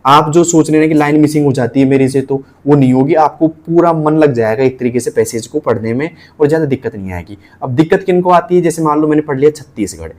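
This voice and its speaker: Male tutor, Rajasthani Hindi accent, casual teaching delivery, slightly higher voice, spells letters out slowly. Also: a little mellow. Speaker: typing tutor.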